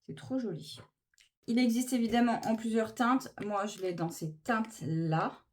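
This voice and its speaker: A woman's voice: a little high, a little slow. A woman chatting casually through a makeup tutorial, gushing with enthusiasm over each product. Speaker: beauty vlogger.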